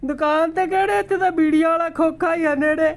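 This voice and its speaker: A man with a Punjabi accent answering a scam call, playing along respectfully in a deadpan way. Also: extremely high pitch, a little fast.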